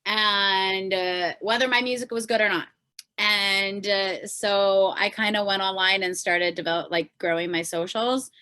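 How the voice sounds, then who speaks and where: As a guest on a podcast, a woman who is a solo pop artist and content creator animatedly retells stories in casual, informal chat full of "like." She speaks unhurriedly in a mid-range voice, with no room sound.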